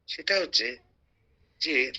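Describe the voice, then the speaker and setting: A man giving an animated lecture, slowing down to recite rhymes with clear, careful pronunciation. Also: mid-range voice, lo-fi sound. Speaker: guest speaker.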